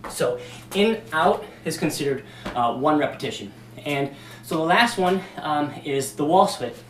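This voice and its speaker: A man walks through workout exercises like a casual fitness instructor, with lots of ums and a slightly out-of-breath sound. His voice sits a bit high. The camera mic is some way off, so the room echoes around him. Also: lively intonation, measured pace, a bit bright, recorded from a distance. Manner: casual, demonstrating moves with many ums. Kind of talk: workout demonstration.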